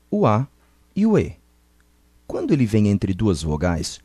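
A man teaching English pronunciation in a scripted lesson, saying each model word slowly and carefully so learners can repeat it. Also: medium pitch, dark tone, slightly rough, no echo.

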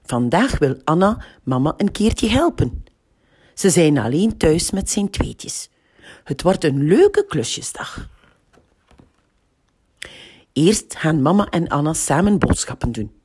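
Flemish woman, library storyteller: slow, husky, very expressive children's reading. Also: low voice. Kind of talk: reading a picture book aloud to children.

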